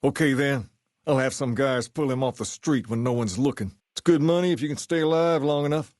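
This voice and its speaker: A male actor takes on a video game gang boss who carries himself like rock-and-roll royalty, easygoing and self-assured, in scripted lines. Speaking at a middling pitch, a little mellow and close to an everyday voice, he's measured, folksy and colloquial, sounding businesslike, confiding and confident, with dry, close sound and no echo.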